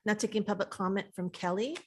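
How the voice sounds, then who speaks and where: A woman's voice: medium pitch, fairly even intonation, fast. A woman serving as meeting clerk, making procedural announcements in a matter-of-fact way.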